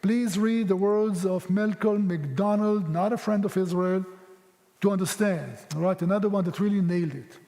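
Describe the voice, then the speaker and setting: A man's voice: high voice, normal speed, dark tone. A man lecturing at a church history session, driving his points home with rhetorical questions. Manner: emphatic, uses rhetorical questions. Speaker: guest speaker teaching a history session. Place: church hall. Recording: long hall reverb.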